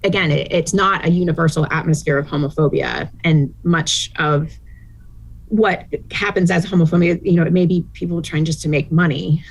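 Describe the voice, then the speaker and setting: A middle-aged woman professor answering interview questions in a measured, thoughtful way with frequent fillers. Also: sits low, steady tone, poor audio. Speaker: guest expert, professor.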